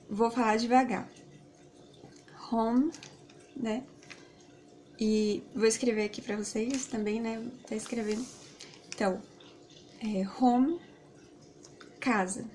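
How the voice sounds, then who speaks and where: A Brazilian woman whose first language is Portuguese talks through a relaxed English lesson in a slightly high voice. As an English teacher, she rambles, using many fillers and tag questions. Faint background noise can be heard behind her.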